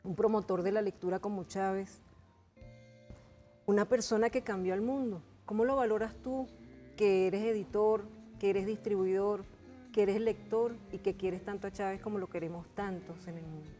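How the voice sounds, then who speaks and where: A middle-aged woman with a Venezuelan accent presenting a book programme in an earnest, measured way. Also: medium pitch, warm tone. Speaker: TV host. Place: TV studio. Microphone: lapel mic. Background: music.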